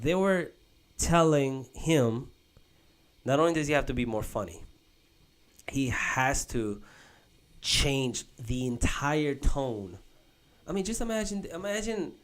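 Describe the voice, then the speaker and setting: A young man hosting a casual podcast chat, rambling and animated, with lots of "bro" and restarts. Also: medium pitch. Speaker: podcast host. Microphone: podcast mic.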